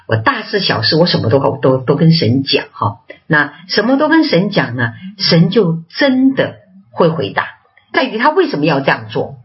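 Animated woman preaching a testimony. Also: on the low side, muffled recording. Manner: animated personal testimony with chatty asides. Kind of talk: sermon.

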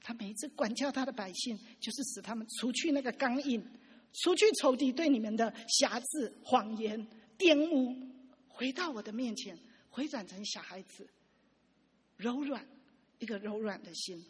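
A woman preaching a sermon, telling stories with lively acted-out dialogue. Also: on the high side, normal speed, breathy edge. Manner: lively storytelling, acting out quoted dialogue. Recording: long hall reverb.

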